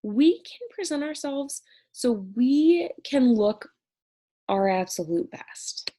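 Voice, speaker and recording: A woman's voice: high voice, expressive, takes it slowly, dark tone. A woman instructor talking through an exam review lecture in a conversational way, checking in often with "right?".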